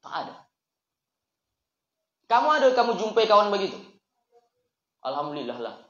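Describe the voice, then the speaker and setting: A man's voice: high voice, sing-song, quick pace, a bit bright. Young male preacher, casual and joking, asks the crowd questions; roomy, dull lo-fi recording. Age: 20s. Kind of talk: casual religious talk to young people. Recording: echoey room, dull lo-fi sound.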